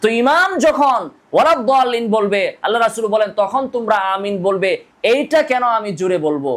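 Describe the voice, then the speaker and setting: High-voiced man preaching, arguing rhetorically. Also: lively intonation, fairly quick, a bit bright. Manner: argumentative, poses rhetorical questions to listeners; recites Arabic hadith text then translates. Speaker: mufti and Islamic preacher. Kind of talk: religious lecture on prayer rulings.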